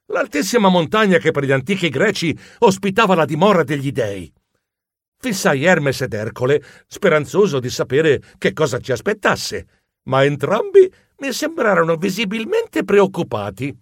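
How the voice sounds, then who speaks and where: Male narrator for a children's audiobook, very animated, slightly high. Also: no echo, studio quality. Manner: lively, expressive storytelling. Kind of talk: first-person audiobook narration.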